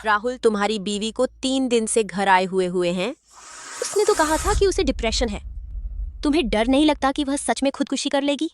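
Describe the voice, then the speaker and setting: An actress playing a scheming young mistress. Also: female voice, fairly high pitch, expressive, moderate pace, close to an everyday voice. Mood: sweet-fake. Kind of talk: Hindi dub of a drama.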